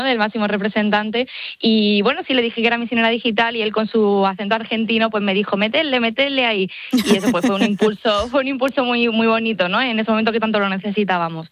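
Fast-talking young woman, lo-fi line. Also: mid-range voice, no echo. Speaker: digital missionary guest. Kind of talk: phone-in radio interview. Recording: slightly dull lo-fi line.

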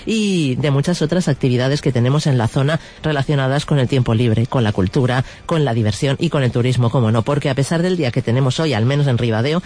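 A man hosts a radio magazine in a Spain accent. He talks quickly in a mid-range voice, chatty and conversational as he presents. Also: mid-range voice, a little mellow.

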